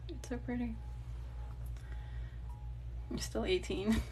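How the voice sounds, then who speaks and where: A woman's voice: fairly high pitch, slow, mellow, a little hiss or hum. A woman in her thirties chatting casually while she crafts on a phone livestream, rambling between stories and small laughs, with the odd swear word. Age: 30s. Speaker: TikTok live crafter.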